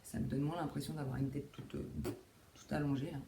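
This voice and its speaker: This woman's low, steady, dark-toned voice comes at a fairly quick pace over slight background noise. A young woman hosting a knitting video podcast from home, she chats casually in a room with a window, full of fillers, restarts and self-mocking asides.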